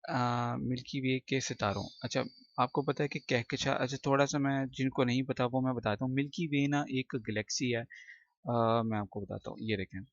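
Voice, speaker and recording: A man's voice: medium pitch, steady tone, normal speed, no echo, muffled recording. Male teacher explaining words patiently. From Pakistan. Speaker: English teacher. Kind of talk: recorded class lesson.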